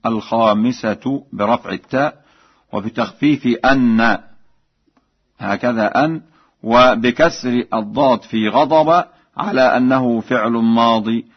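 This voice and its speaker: A man explaining recitation variants in measured speech, then chanting the examples slowly and melodically, from an archival radio broadcast. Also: mid-range voice, slightly rough, lo-fi sound. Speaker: Quran recitation teacher.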